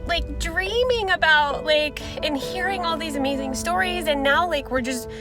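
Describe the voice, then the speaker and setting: A young woman chatting excitedly in a casual vlog, shaky with nerves and full of fillers. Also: high voice, normal speed, over music. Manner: excited, breathless, many "like" fillers. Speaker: vlogger.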